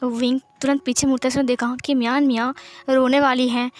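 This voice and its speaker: A woman narrating a fan fiction story in a steady, plain reading voice. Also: high-pitched, brisk.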